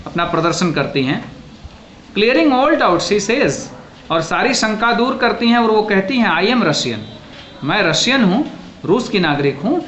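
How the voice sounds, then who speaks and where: A man teaching a school English lesson, with a slightly high voice. He reads each English line slowly, then explains it at length in Hindi, repeating points for his students. The sound is roomy and echoey, with faint noise behind. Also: fairly bright tone. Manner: speaks directly to students, repeating himself.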